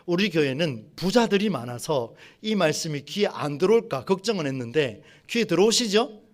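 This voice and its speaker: A male pastor delivers a sermon with a highly animated delivery, his voice rising and falling sharply as he questions the congregation. His pitch sits a bit high for a man. He slows to a measured, lifted tone whenever he reads from scripture. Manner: lively preaching with rhetorical questions to the congregation; slows and rises when reading scripture aloud.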